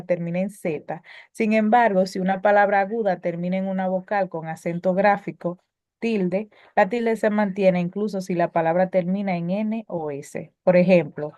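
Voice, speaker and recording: A woman's voice: mid-range voice, darkish tone, dry recording. A woman teaching a spelling lesson, reading prepared explanations with occasional filler sounds and self-corrections.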